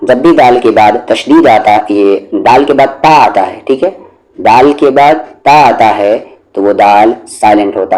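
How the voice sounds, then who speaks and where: A man teaching recitation word by word, spelling out each syllable and then reciting the words slowly and drawn out. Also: medium pitch, dark tone, poor audio. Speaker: Quran teacher.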